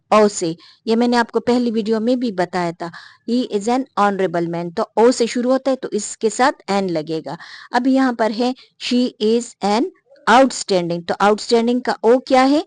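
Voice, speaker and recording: A woman with a fairly high voice teaches a grammar lesson and keeps putting questions to her students and answering them herself. She reads each example sentence slowly and with care. The recording is dry and close, with no room sound. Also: darkish tone, no room sound. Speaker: English teacher.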